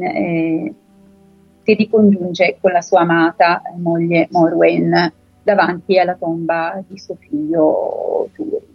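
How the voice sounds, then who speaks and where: A woman tells an old fantasy story, stopping often to gather her thoughts and reading passages aloud from the book. Her voice has a breathy, slightly raspy edge. The recording is dull and lo-fi, with soft music underneath. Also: lowish voice. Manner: unhurried, pauses often with filler sounds while she explains.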